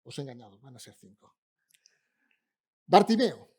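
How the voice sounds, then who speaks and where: A man delivers a sermon in a church, chatting with the congregation in a humorous, easy way. His voice is somewhat husky, with a lively, swinging pitch. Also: normal speed. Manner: conversational, humorous, addresses congregation. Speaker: pastor preaching. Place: church in Barcelona.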